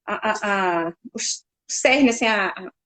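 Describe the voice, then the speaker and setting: Brazilian woman doctor, high voice, patient and explanatory, restarts a lot. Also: measured pace, a bit bright. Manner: explains carefully, with many fillers and restarts. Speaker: pediatric doctor. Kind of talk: casual explanatory interview.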